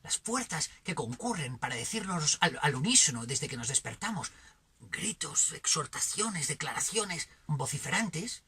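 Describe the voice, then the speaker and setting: Dramatic Spanish man with a bright voice. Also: a little high, sing-song, a little slow, breathy edge. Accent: Spanish from Spain. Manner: dramatic, swinging from emphatic bursts to hushed near-whispers. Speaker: channel host. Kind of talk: philosophical monologue.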